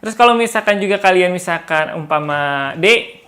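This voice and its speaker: A man's voice: sits high, animated, normal speed, bright, forceful tone. A man giving a casual spoken guitar lesson as a guitar tutor, chatty and chuckling often, referring to himself in the third person.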